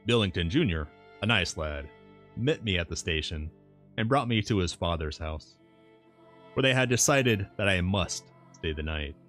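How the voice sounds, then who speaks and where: A man reading a classic novel aloud as a streamer, in audiobook-style narration with measured, deliberate phrasing. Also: low voice, expressive, fairly bright tone. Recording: music playing behind the voice. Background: background music.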